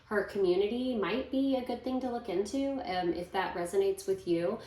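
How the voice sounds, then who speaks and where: A woman's voice: medium pitch, normal speed, mellow. A woman co-hosting an investing podcast, chatting casually and playfully. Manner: chatty, playful, self-aware. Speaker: podcast co-host. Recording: roomy echo.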